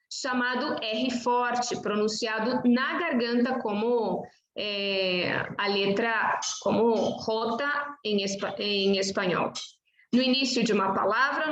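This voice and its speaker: Slow, carefully articulating Brazilian woman teacher. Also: on the high side. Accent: Brazilian Portuguese. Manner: over-articulates example words one by one. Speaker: language teacher. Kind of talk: slow, careful pronunciation lesson. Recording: echoey room with faint noise.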